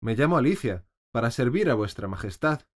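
A man's voice: mid-range voice, sing-song, normal speed, a little mellow, natural voice. A man voicing a polite but firm young girl in a storybook. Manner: well-mannered, firm.

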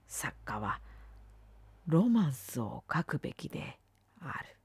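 Slow, lively-voiced woman reading literature. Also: low voice, vocal fry, slightly rough, dry recording. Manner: dramatic, swings between firm declarations and hushed whispers. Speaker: reader.

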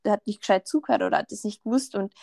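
A woman's voice: mid-range voice, racing, gravelly, mellow, dry recording, clean studio sound. A young woman with an Austrian accent chatting casually as a podcast co-host, telling stories with many fillers and a note of indignation. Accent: Austrian German. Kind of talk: casual chat.

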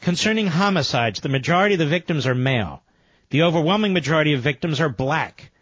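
A man's voice: expressive, fast talker, fairly bright tone, no echo, dull audio. An American man, a talk radio host, delivering an emphatic infomercial-style read. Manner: emphatic sales pitch, repeating offers and phone number.

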